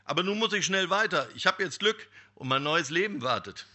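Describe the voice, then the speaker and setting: Man voicing a hasty young man, high raised voice, excited hurry, bright tone. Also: moderate pace, heavily acted. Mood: hurried.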